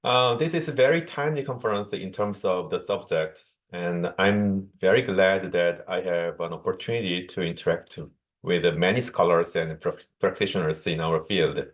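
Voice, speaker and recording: A man from South Korea, a native Korean speaker with a Korean accent, giving a measured conference keynote over a video call with small restarts. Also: sits low. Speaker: guest speaker, associate professor.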